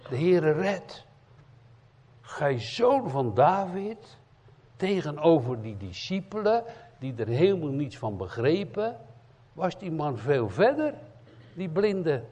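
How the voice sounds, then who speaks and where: A man's voice: a little high, sing-song, a little slow. Emphatic male preacher in echoing hall. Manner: emphatic, shifts between loud cries and quiet earnest asides. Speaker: evangelist preacher. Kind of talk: sermon. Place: church hall. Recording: dull lo-fi sound in a reverberant church hall.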